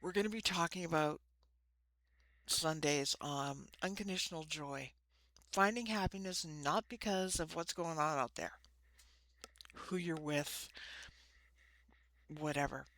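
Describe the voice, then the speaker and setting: Low-voiced woman with a slushy lisp. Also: measured pace, long pauses, a bit bright, no echo. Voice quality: lisping, slushy sibilants from ill-fitting dentures. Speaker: host of a spiritual card-reading channel. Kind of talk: informal spiritual talk to camera. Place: small room.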